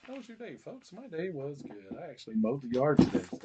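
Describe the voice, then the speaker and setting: A man's voice: fairly high pitch, wildly swooping pitch, fast, highs cut off, very noisy. A middle-aged man co-hosting a podcast, teasing his daughter and laughing a lot during joking banter. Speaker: podcast co-host.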